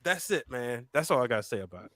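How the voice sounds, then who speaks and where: Male co-host, lively and emphatic, bright delivery with dry sound. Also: mid-range voice, fast talker, no echo. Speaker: podcast co-host. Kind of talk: casual late-night wrestling chat.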